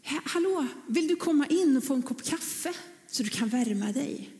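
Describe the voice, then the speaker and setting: A woman voicing a kindly, hopeful old male shoemaker in a softly told story. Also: high-pitched, in a large hall, close to an everyday voice. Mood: wondering.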